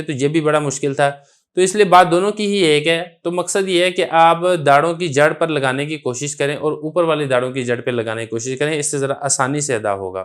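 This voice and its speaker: Slightly high-voiced man teaching patiently. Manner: patient, explanatory, asks and answers own questions; sustains a drawn-out letter sound when demonstrating pronunciation. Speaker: Quran recitation teacher. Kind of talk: religious lesson lecture.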